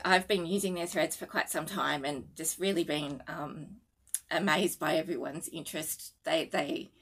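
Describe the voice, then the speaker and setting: Her voice is fairly low and gravelly, slightly rough yet fairly bright. This middle-aged Australian needlework designer and vlogger chats casually to camera from her living room, giggly and somewhat nervous from lack of sleep, restarting often and using lots of fillers.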